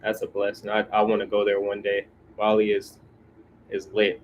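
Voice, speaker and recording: A man's voice: fairly low pitch, completely flat delivery, normal speed, slight background noise, poor audio. A man from California in casual livestream chat, laid-back and slangy, reading viewer comments aloud and answering them. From California, USA.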